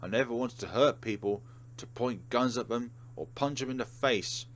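Hosting a let's play, a man reads a visual novel aloud dramatically and adds casual commentary along the way. His voice is medium in pitch at a moderate pace, with game music in the background.

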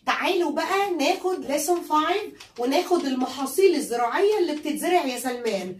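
A high-pitched woman with an Egyptian Arabic accent drills English words for children, saying each one over and over. She switches back and forth between English and Arabic. Her voice sounds echoey and a bit distant from the mic. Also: animated, brisk, slight background noise. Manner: drills vocabulary, repeating each word many times. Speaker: English teacher for young children.

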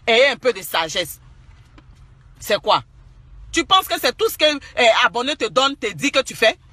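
Ivorian-accented man, very high pitch, scolding preachy online rant, dry close mic. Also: bright, forceful tone, no room sound. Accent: Ivorian French. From Côte d'Ivoire. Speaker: social media commentator. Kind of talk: angry rant to online followers.

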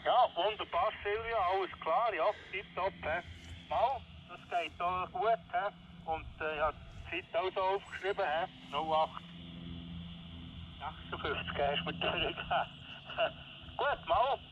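A man's voice: high voice, measured pace, pauses often. A man with a Swiss German accent on the other end of a ham radio contact, heard through a radio receiver's speaker with static. He chats along easily and tags his sentences with little "hä" and "gell". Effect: voice coming through a radio receiver's speaker, with static. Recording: muffled, distant radio audio with light hiss.

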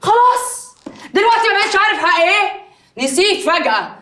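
A fast, sharp-tongued defiant wife. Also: female voice, sits high, lively intonation, echoey room, a little hiss or hum. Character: defiant young wife of a village mayor. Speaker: mayor's wife. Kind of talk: TV drama acting.

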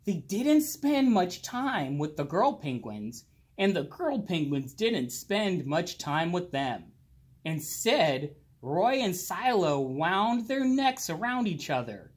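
A man reading a children's picture book aloud expressively, drawing out words and pausing. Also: sits high, slightly rough. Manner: slow, animated, with drawn-out words and pauses. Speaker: children's storybook reader. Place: indoors, library with bookshelves.

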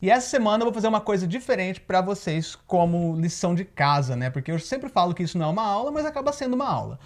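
A man's voice: high-pitched, very animated, fast. Brazilian male English teacher, casual video lesson, patient explainer, keeps checking in with the viewer. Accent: Brazilian Portuguese. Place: living in the United States.

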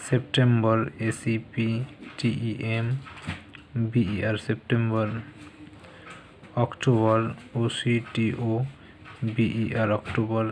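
Slow, flat-voiced man teaching spelling. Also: on the low side, slight background noise. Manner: slow, spells out letters one by one. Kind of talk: spelling lesson for children.

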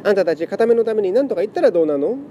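A man voicing a sentimental female cat who pleads and scolds in soft, feminine speech. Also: sits high, lively intonation, racing, highs cut off, slight background noise, pitched above the performer's own voice. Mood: pleading.

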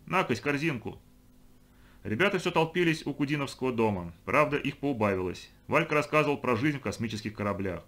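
A man reading a storybook aloud as narrator, expressive, lifting his voice for the children's lines. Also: mid-range voice, fast talker, few pauses. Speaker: audiobook reader. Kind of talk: scripted narration.

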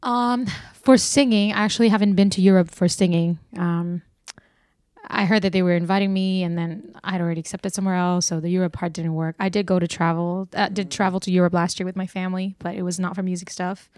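Her voice on the low side and a bit quick, a Burmese woman in her 20s who sings and works as a nurse relaxes into a chatty podcast interview, laughing easily. She uses a handheld microphone on a couch in a small indoor studio, and the studio-quality sound has no room echo.

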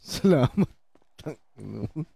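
A man's voice: medium pitch, big pitch swings, unhurried, vocal fry, warm tone, slightly rough, no room sound. A man streaming a role-play game, chatting in character, joking and swearing freely. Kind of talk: casual in-character game chat.

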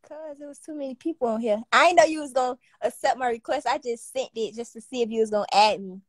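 A woman's voice: on the high side, quick pace, dry recording. A shy, laid-back woman chatting as a caller on a livestream. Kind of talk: casual video call chat.

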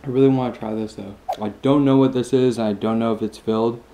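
A man's voice: mid-range voice, steady tone, dark tone. Enthusiastic young man tasting food. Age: 20s. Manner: enthusiastic, eating between lines with drawn-out mmm sounds. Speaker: food vlogger. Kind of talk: casual mukbang tasting review.

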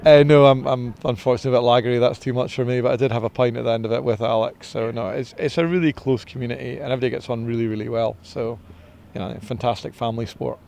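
A middle-aged man, a racing driver, answering interview questions outdoors in a paddock in a relaxed, modest way. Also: medium pitch, fast talker, creaky, few pauses, slight background noise. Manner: relaxed and modest, with filler ums. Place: outdoors in a race paddock beside a team truck. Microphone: interviewer's handheld mic.

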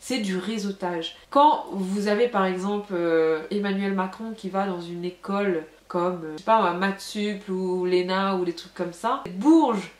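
A young woman from France chats straight to her viewers, frank and loose, with many filler sounds. Her voice sits at an ordinary middle pitch. The room around her rings with noticeable echo. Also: measured pace, few pauses. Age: young adult. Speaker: vlogger. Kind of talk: casual storytelling to camera. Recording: echoey room.

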